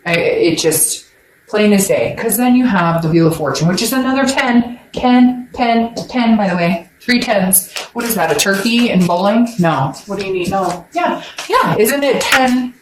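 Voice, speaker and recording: A woman's voice: medium pitch, expressive, moderate pace, a little hiss or hum. Brief: casual woman tarot reader, blunt and chatty, in a roomy echo. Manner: rambling, blunt, swears, jokes with viewers. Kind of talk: casual tarot reading to camera.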